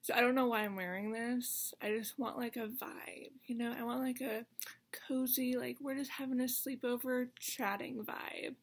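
A woman's voice: a little high, steady tone, moderate pace, husky. An American woman in her twenties chatting in a rambling, self-mocking vlog style, her speech slightly slurred by the retainers she wears. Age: 20s. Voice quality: slight slur from wearing retainers. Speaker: vlogger. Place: carpeted bedroom at home.

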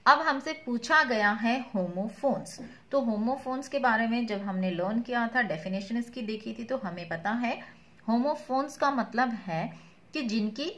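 A woman's voice: on the high side, a bit bright. A woman teaching English grammar, patiently explaining each word and spelling terms out letter by letter in a mix of Hindi and English.

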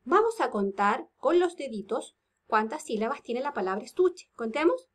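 A woman teaching kindergarteners from home, speaking in a slow sing-song and drawing words out syllable by syllable. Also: sits high, animated. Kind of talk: remote lesson for young children.

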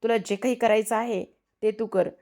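A woman's voice: a little high, fairly even intonation, normal speed, a little mellow, natural voice. A woman voicing a stubborn young heiress who indignantly refuses, in quoted lines from a serial recap. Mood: defiant.

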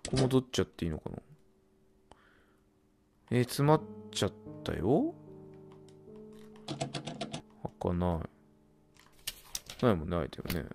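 A man's voice: low voice, very animated, slow, gravelly, long pauses, faint music behind. Jumpy man yelping through a horror game. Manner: jumpy, bursts into loud startled yelps; mutters and reads game text aloud. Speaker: let's play gamer.

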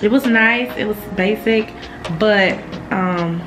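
A woman in her twenties from the United States chatting in a frank, slangy, unhurried way to her travel vlog. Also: medium pitch, noisy background. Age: 20s. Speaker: travel vlogger. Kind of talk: casual vlog chat. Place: hotel bedroom or balcony.

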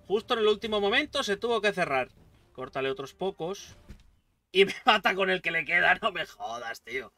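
Excitable Spanish gamer, high lively voice. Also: male voice, far from the mic. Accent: Spain Spanish. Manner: excitable, swears and yells at the game. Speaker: gaming YouTuber. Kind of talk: let's play commentary.

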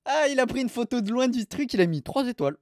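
A man's voice: very high voice, expressive, fast, a little mellow, no room sound, studio quality. Crude, mocking young man streamer. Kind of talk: live stream commentary.

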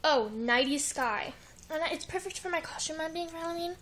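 Teen girl, high voice, rambling haul chat, webcam in a living room. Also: lively intonation, a little fast, fairly bright tone, poor audio. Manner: chatty, giggly, rambling with many likes. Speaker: vlogger. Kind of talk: casual haul video. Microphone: built-in webcam mic.

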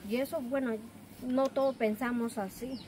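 High-voiced Guatemalan woman, noisy outdoors. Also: fairly even intonation, moderate pace. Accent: Guatemalan Spanish. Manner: earnest, rambling storytelling with quoted dialogue. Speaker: interviewee. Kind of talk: casual interview. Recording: outdoor recording with loud ambient noise.

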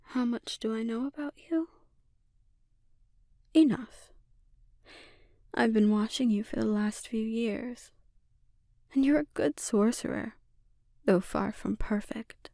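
Slow, whispery Scarlet Witch, acted by a woman. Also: fairly high pitch, mellow, no echo, clean studio sound. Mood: condescending. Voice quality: breathy, often whispering. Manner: slow, deliberate, condescending. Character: dominant, menacing witch, coldly seductive and condescending. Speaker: ASMR roleplay voice actor. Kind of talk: ASMR dramatic roleplay, half-whispered.

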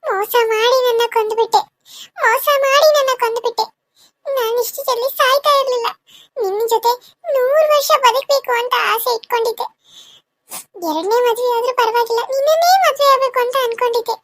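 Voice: very high-pitched, fairly bright tone. A performer voicing a vengeful female ghost, a murdered second wife, who taunts and accuses her killer in a cartoon serial. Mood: accusing. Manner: accusing, taunting, drawn-out wails.

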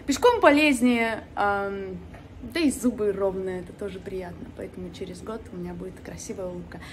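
A woman's voice: mid-range voice, fairly quick. Chatty woman with a slight lisp, noisy room. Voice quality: slight lisp, sh for s, from new dental aligners. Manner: chatty, playful. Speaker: vlogger. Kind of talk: casual chat to camera. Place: apartment living room and kitchen. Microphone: phone at arm's length. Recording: noisy handheld phone recording.

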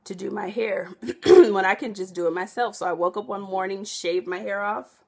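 A young woman vlogging in a casual, rambling way, often correcting herself and filling pauses with "um.". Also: mid-range voice, fairly even intonation, gravelly, slightly rough. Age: young adult. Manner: rambling, self-correcting, chatty with many fillers. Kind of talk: casual chat to camera.

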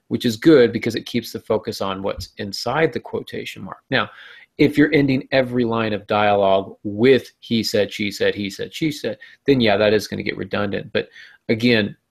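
A man's voice: mid-range voice, creaky, breathy edge. A man hosting a podcast, explaining writing craft in a casual, wry way. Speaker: podcast host.

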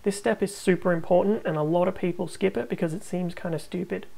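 A woman hosting a tech tutorial, narrating a screen recording with calm, step-by-step instructions. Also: on the low side, fast, gravelly, poor audio.

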